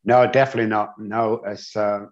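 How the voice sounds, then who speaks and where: An English man, a guest in a storytelling interview, recounts his own story candidly and with self-deprecation. His voice is fairly low with little pitch movement and a moderate pace, captured on dull, lo-fi audio.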